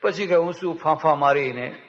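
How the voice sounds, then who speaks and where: A man with a Gujarati accent, a swami giving a spiritual discourse, telling lively stories and acting out the villagers he talks with. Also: a little high, normal speed. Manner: animated storyteller who acts out the villagers in dialogue. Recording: dull, lo-fi, with long hall reverb.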